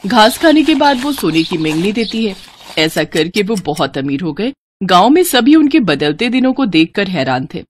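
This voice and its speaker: A woman narrating a moral cartoon story in an expressive storytelling cadence. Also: mid-range voice, moderate pace, slight background noise.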